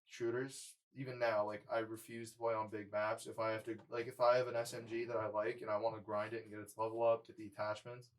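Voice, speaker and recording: A man's voice: on the low side, little pitch movement, quick pace, hardly any pauses, low-quality recording. A man in his twenties co-hosting a podcast in casual chat, rambling, full of "like" and swearing. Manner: rambling, profane, lots of "like". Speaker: podcast co-host.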